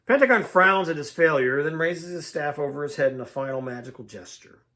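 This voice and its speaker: A man reading a choose-your-own-adventure book aloud in a dramatic, animated way. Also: fairly high pitch, fairly quick. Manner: dramatic, shifting pace and volume. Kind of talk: animated storybook read-aloud.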